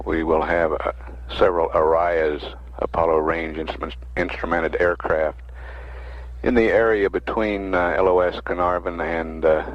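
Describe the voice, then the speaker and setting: Low-voiced man, dull archival feed. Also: fairly even intonation, no echo. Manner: halting, unscripted, with frequent mid-sentence pauses. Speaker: mission control public affairs commentator. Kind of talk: measured official live mission commentary.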